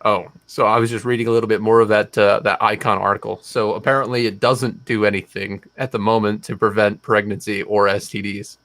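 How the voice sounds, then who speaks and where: A man's voice: on the low side, level tone, a little fast, few pauses, a bit bright, no echo. A man hosting a live stream, talking in a wry, profane, think-aloud way. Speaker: stream host. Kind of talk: casual chat.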